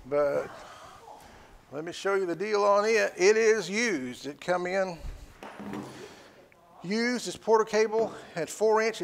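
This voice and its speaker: A man's voice: high voice, vocal fry, a bit bright, slight background noise. A man calling a live-streamed auction in a casual, folksy way, repeating prices and phrases. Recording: echoey hall with long reverb.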